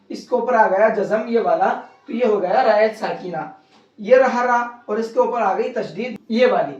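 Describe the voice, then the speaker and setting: A patient Quran teacher walks through recitation rules slowly, sounding out each letter and vowel mark before blending the whole word. The voice sits at a middling pitch and comes from a little way off the mic. The room is echoey and the recording dull. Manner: spells out letters and vowel marks slowly, then repeats the joined word; patient, repetitive explaining with frequent rhetorical questions. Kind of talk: slow step-by-step tajweed lesson. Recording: roomy, distant and dull-sounding.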